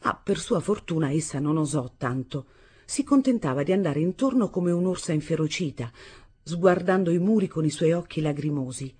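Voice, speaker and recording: Husky woman narrating a novel. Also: low-pitched. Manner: measured, expressive storytelling. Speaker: audiobook reader. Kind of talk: literary audiobook narration.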